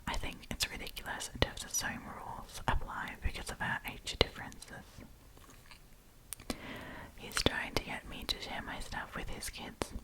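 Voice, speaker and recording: At normal speed and in a rough recording, a woman whispers stories from the internet for an ASMR storytime. Her whisper is breathy and unvoiced, her asides informal and chatty, and the microphone is propped up close.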